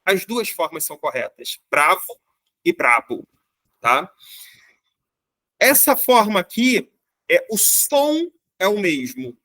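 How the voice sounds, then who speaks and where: Casting: high, bright male teacher from Brazil, patient explainer, dry close sound. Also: very animated, takes it slowly, pauses often, dry recording. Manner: explains patiently, asks "né?" and "tá?" often. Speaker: Portuguese teacher. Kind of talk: online grammar lesson.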